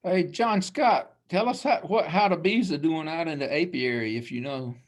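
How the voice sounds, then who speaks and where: A woman's voice: low-pitched, moderate pace. A woman chatting casually as a remote participant in an online meeting. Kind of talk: casual chat.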